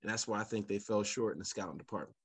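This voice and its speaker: A man's voice: fairly low pitch, racing, slightly rough. A man on a podcast panel talking sports casually, repeating phrases for emphasis.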